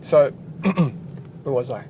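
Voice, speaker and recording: A man speaks extremely slowly yet animatedly in a medium-pitched voice, rambling casually as he drives, with frequent fillers and restarts. He develops games and hosts a channel, and road noise from the moving car is present.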